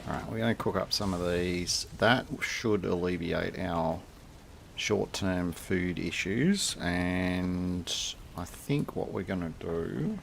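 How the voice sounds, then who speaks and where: An Australian game streamer thinks aloud in casual, rambling commentary as he plays, even chatting to the animals on screen. His voice is deep and gravelly and he takes it slowly, with a little hiss or hum in the audio.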